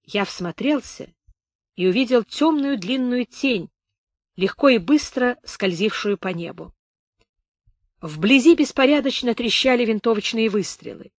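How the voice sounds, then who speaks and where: A woman reading a literary memoir aloud as an audiobook narrator, in an even, measured way on a close mic. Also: a little high, no room sound. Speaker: audiobook reader.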